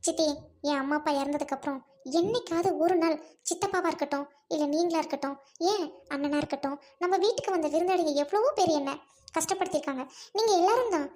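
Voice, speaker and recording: Woman doing a fierce young wife tearing into her uncle, very high voice, accusing. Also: fast talker, a little mellow. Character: defiant young married woman confronting her scheming uncle. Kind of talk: amateur drama skit.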